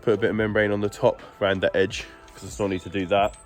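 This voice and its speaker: Speaking fast with a flat delivery, a man with a fairly low-pitched voice chats through each step of his garden build for a casual DIY vlog update. He films outdoors on a phone camera, and his nose sounds stuffy and congested. Soft music plays in the background.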